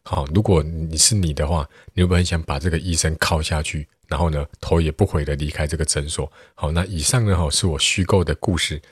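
A deep-voiced man talks to his listeners in a loose, chatty way. His voice is husky, and it sounds dry and close. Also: fairly even intonation, fairly quick, hardly any pauses, no room sound. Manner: chatty, with many fillers. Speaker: teacher and podcast host. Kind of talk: casual podcast talk.

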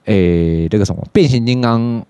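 A young man with a Taiwanese Mandarin accent tells a story from his youth as a podcast host. He swears often and jumps into high, squeaky voices when he imitates other people. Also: moderate pace, dark tone, smooth, dry recording. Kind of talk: casual storytelling monologue.

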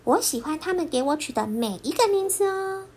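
A woman's voice: high voice, animated, fairly quick, darkish tone, voice pushed up. A woman voicing a cheerful, polite little boy bear cub in an earnest, childlike voice. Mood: friendly.

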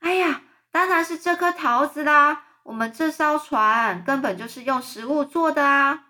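A woman voicing a clever, patient young boy in a storybook reading, reassuring and calm. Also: sits high, moderate pace, voice pushed up.

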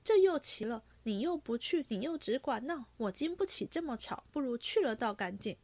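A woman's voice: fairly high pitch, lively intonation, moderate pace, darkish tone. A woman reading as a moody young nobleman.

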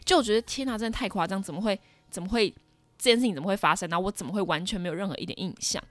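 On a dry recording, a young woman in her twenties talks very fast in a mid-range voice. She's a podcast host with a Taiwanese Mandarin accent, spinning a casual personal story full of dramatic exclamations and fillers.

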